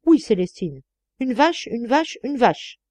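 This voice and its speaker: A lecherous older master who stammers and pleads, as a woman reader voices him in a slow, measured audiobook read. The voice stays mellow and warm, recorded close and dry. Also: mid-range voice, no room sound, close to an everyday voice. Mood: indignant.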